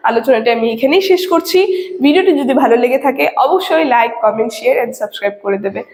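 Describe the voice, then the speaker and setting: A woman's voice: a little high, lively intonation, normal speed, a little mellow. A woman teacher explaining a lesson to her students, checking in often and asking questions she then answers herself. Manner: repeats "ঠিক আছে" and asks rhetorical questions. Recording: echoey room with long reverb.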